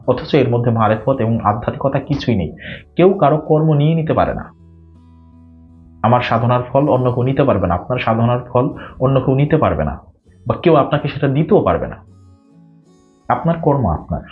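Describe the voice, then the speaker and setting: Man with a Bangladeshi Bengali accent, spiritual talk, lively pitch, rhetorical questions, dull lo-fi sound. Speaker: spiritual speaker. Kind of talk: spoken religious talk. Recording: dull lo-fi audio with faint guitar music.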